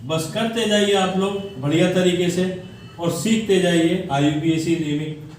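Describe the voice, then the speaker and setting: A man's voice: sits high, measured pace, darkish tone, a little hiss or hum. A male chemistry teacher lecturing at a board, quizzing students and repeating key words for them to answer. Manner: call-and-response questioning, repeats key words. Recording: echoey room from far off.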